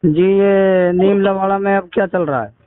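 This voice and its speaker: A man from India's Mewat region, speaking with a Mewati accent, phones to complain and rambles through his grievance, aggrieved and swearing at times. His high voice is clean in tone, with fairly even intonation and a normal pace, heard through a narrow-band, tinny phone recording.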